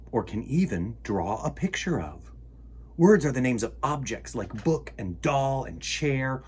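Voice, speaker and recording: Over a little hiss or hum, a mid-range male voice hosts a children's storytime, reading a picture book aloud. He talks directly to young listeners in a playful, theatrical, animated way, with exclamations and gasps.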